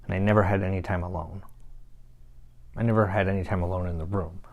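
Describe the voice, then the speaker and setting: An actor playing a troubled young man who confides a painful past in a halting dramatic monologue broken by pauses. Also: low voice, steady tone, narrow, tinny audio. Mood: confessional.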